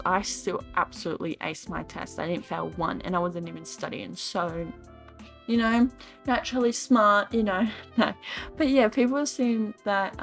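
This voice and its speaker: A woman's voice: lowish voice, a bit bright. A tired young woman rambling and ranting in a casual, self-deprecating voice-over while she builds in a game. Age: young adult. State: tired, yawning. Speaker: Sims gaming YouTuber.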